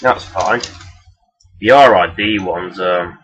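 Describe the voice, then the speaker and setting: A man's voice: low voice, slow, a bit bright, faint music behind. A man giving a casual, rambling toy review in a hesitant, self-deprecating, blunt and sweary way. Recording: dull, lo-fi sound.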